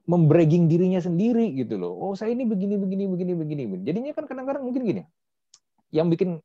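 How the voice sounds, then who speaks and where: A male podcast host talks in a lively, slangy way, his low voice swinging up and down. The sound is mellow, with a dull, lo-fi quality. The room is dry, with no echo. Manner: animated, chatty storytelling with slang. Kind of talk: casual podcast chat.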